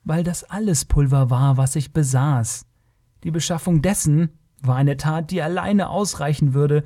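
A man's voice: on the high side, dark tone. A man voicing a sly, boastful master thief.

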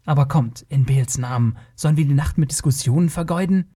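Brief: sly master thief, hushed and quick, proud of his craft, as a male narrator puts him on. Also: a little high, breathy edge. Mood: boastful.

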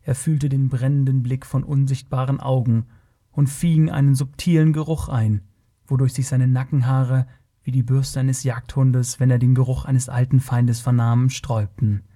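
A man narrating an adventure audiobook in a measured, even storytelling manner. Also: mid-range voice. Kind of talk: scripted narration.

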